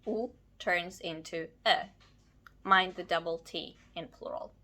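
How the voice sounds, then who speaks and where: A woman giving a scripted language lesson, explaining slowly and carefully while ill and low on energy. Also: creaky, bright, forceful tone. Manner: slow, careful explanation with words spelled out. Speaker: language teacher.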